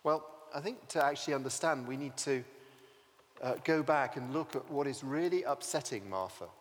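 A man's voice: medium pitch, normal speed, big-room sound. A man preaching a sermon, telling the story vividly and asking rhetorical questions.

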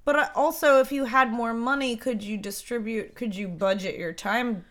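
A woman co-hosting a casual podcast, quick-witted and jokey. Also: a little high. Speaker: podcast co-host. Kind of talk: casual chat.

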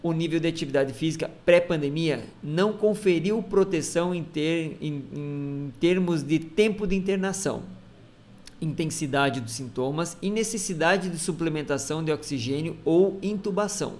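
A man's voice: a little high, normal speed, darkish tone. Man reading out a study. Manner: reads text aloud with casual asides and restarts. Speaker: presenter explaining a health study. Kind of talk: reading and explaining a news article.

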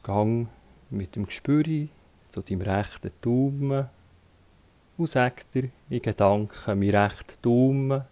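A man with a mid-range voice and Swiss German accent talks listeners through a guided relaxation as their yoga teacher. He keeps instructions short and calm, leaving long gaps between them.

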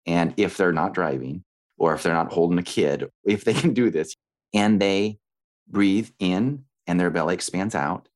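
Low-voiced man teaching breathing in conversation. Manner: instructive, illustrates with everyday examples. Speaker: meditation and breathing teacher, guest. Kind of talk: explanatory interview talk.

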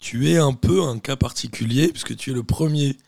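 A man hosting a casual interview podcast, chatty and relaxed, asking many questions. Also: mid-range voice, normal speed, vocal fry, no room sound, studio quality. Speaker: podcast host.

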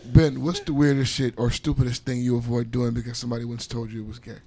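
A man's voice: mid-range voice, little pitch movement, fast, dark tone. A man hosting a podcast, putting questions to guests in laid-back, profane casual chat. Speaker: podcast host asking questions.

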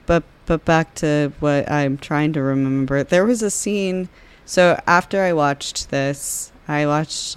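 A speaker on a movie podcast thinking out loud at length, posing questions and working through confusion. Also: medium pitch, clear, resonant tone. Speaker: podcast co-host or guest. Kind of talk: casual movie-discussion podcast chat.

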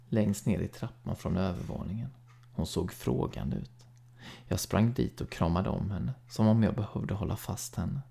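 Male horror-story reader, low and gravelly, measured, with a husky edge. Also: mellow. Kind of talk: scripted horror short-story reading.

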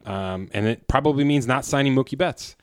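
A man on a sports podcast, giving quick, matter-of-fact analysis. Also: medium pitch, smooth, no room sound, studio quality. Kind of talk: casual sports podcast chat.

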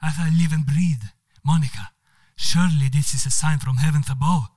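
Give me a man playing a charming Spanish diplomat with a put-on Spanish accent, lavishing flattery in broken English. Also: mid-range voice, natural voice. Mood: overjoyed. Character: suave Spanish male diplomat, flirtatious. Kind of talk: comedic story reading.

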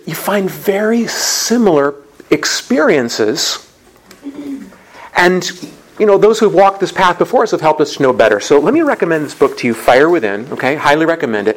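A man's voice: a little high, rough recording. A male pastor giving a workshop talk, speaking conversationally, telling stories and asking his audience questions.

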